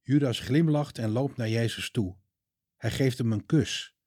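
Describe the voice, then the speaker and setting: A man narrating a Bible story for children in a calm, clear storytelling manner. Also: medium pitch, measured pace, no room sound, clean studio sound.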